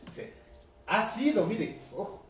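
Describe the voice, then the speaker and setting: A man's voice: high-pitched, sing-song, slow pace, a bit bright. Ecuadorian pastor guy preaching, keeps asking the crowd questions, music playing underneath. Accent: Ecuadorian highland Spanish. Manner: conversational preaching, reading scripture aloud, frequent tag questions. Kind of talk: sermon. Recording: echoey room from a distance, music behind.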